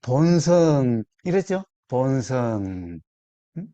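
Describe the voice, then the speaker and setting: A man teaching Buddhist meditation in a slow, deliberate way, repeating his key words and putting questions to his listeners. His voice is mellow and his pitch moves a lot. The recording is dry and sounds lo-fi. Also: sing-song, no room sound. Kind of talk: dharma talk to a small group.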